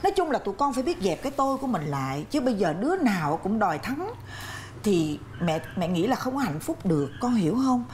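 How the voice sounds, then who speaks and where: An actress playing an excitable, scolding mother of grown daughters, in a family sitcom. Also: medium pitch, fast, a little hiss or hum, natural voice. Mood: soothing, lecturing. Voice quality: scolding, exclamatory, laughing through lines. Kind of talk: sitcom acting.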